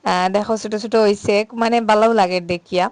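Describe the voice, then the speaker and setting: A woman's voice: mid-range voice, fairly even intonation, clear, resonant tone, dry recording. Chatty Sylheti woman vlogger, dry sound. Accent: Sylheti Bengali. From Sylhet, Bangladesh. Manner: chatty, unhurried, frequent "ah" fillers. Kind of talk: casual vlog narration.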